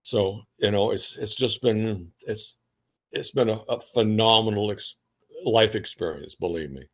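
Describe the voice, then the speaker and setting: A man's voice: on the low side, measured pace. An older man, a veteran remembering his life in a conversational, rambling, anecdotal way with repeated starts. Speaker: interviewee, retired Navy veteran.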